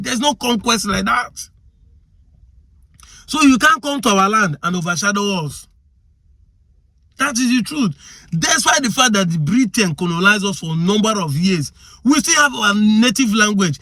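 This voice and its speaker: A man with a Nigerian accent delivers impassioned, argumentative commentary, firing off rhetorical questions as he pushes his point. His voice is extremely high-pitched and sharp, with no room sound.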